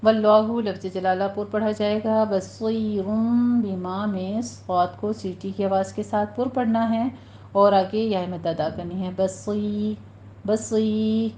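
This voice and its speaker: Mellow-voiced woman teaching Quran recitation. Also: medium pitch, steady tone. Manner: patient, instructive, repeats words slowly for practice. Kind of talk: tajweed lesson, explaining pronunciation rules.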